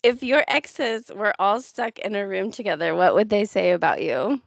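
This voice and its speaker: A woman who is a parent, co-hosting a podcast in casual chat, relaxed and often trailing off with a laugh. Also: medium pitch, normal speed, creaky, no room sound. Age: adult, parent of a school child. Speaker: podcast co-host.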